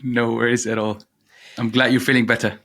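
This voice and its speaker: A man's voice: mid-range voice, level tone, fairly quick, pushed and bright. A man in his thirties from Syria, a startup founder talking in an interview, earnest and reflective with frequent fillers. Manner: earnest, reflective, many "you know" fillers. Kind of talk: interview conversation.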